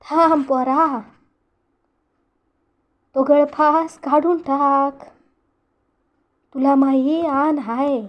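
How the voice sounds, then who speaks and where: A woman voicing a stern, grieving old village grandfather who scolds slowly and heavily. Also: high voice, fairly even intonation, lo-fi sound. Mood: stern scolding. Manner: slow, heavy scolding words.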